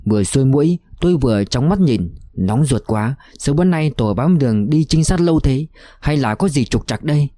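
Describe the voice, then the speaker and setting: A man narrating a war novel in a somber, steady reading voice. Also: medium pitch, a little fast, no room sound. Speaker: audiobook narrator.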